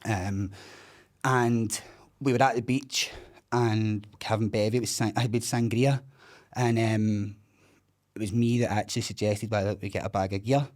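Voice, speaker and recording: He's a Scotsman in his thirties and admits to being a loudmouth, telling his story candidly and with heavy swearing during casual interview talk. His lowish voice stays steady at a normal speed.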